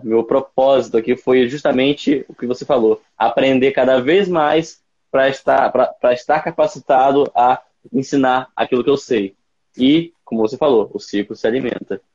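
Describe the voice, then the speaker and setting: A man co-hosts the stream and speaks to the viewers in a steady, earnest way. His audio sounds dull and lo-fi, with a dry, close feel. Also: mid-range voice, no echo. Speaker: co-host, channel administrator. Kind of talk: live chat on a stream.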